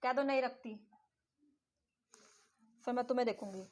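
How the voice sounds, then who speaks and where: Woman teacher, high voice, classroom lecture, teasing and scolding students. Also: moderate pace, a little mellow.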